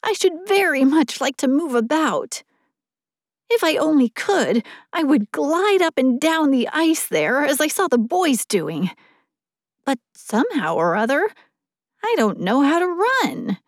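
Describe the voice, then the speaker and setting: A naive, freshly built snowman, as a woman puts him on in a storybook, piping up high and full of wonder. His voice jumps around brightly as he asks his eager questions, heard close and dry. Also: very animated, a little slow, no room sound. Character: naive newly made male snowman, curious.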